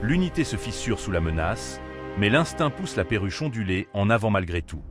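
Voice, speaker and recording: A man reads scripted wildlife documentary narration in a low register. His delivery is solemn and dramatic, with lively rises and falls in pitch. Music plays clearly behind his voice. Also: normal speed. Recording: narration over prominent music.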